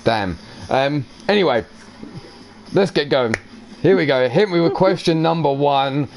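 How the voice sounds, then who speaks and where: A man's voice: on the high side, lively intonation, a little slow, gravelly, a little mellow, slight background noise. A man with a brash, profane manner, answering an in-character interview as a wrestler and chuckling now and then.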